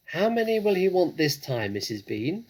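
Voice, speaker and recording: Bloke doing a huge housemaid lady, loud n coarse, calling out to her boss, storybook. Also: high-pitched, very animated, normal speed, voice pushed up. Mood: calling, eager. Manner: calling out loudly.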